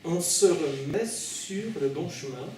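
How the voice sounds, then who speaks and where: A male preacher with a foreign accent in French speaks from some way off in a very reverberant room. His delivery is slow and halting, with hesitations and repeated words, as he gives an informal, pastoral sermon straight to his listeners. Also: on the high side. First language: not French. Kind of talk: informal sermon at an evening meeting. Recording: very echoey room, distant mic, faint noise.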